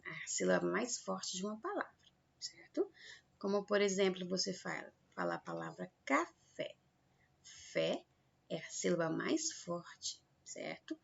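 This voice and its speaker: A Brazilian woman teaching a lesson to children, slow and patient, stretching out example words to show the stressed syllable. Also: medium pitch, vocal fry, fairly bright tone. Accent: Brazilian Portuguese. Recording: dull lo-fi recording.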